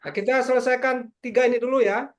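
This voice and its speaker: A man's voice: very high voice, fairly even intonation, quick pace. A male lecturer explaining exam questions to students in an online class, repeating his points and tagging sentences with "ya". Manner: repetitive, tag questions with ya.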